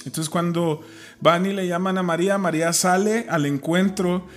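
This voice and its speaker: A man's voice: sits high, fairly even intonation, normal speed. A man casually discussing a Bible story, retelling scripture with many fillers and restarts.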